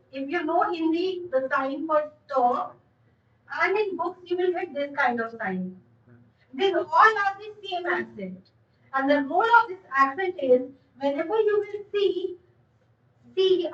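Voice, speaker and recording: A woman's voice: sits high, sharp tone. A woman teaching a French lesson, explaining step by step and repeating key words. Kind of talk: online language lesson. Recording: echoey, distant, dull sound.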